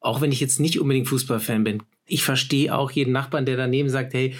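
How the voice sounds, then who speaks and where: A man hosting a casual podcast interview, relaxed and agreeable, often chiming in with short affirmations. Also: medium pitch, fast talker. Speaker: podcast host.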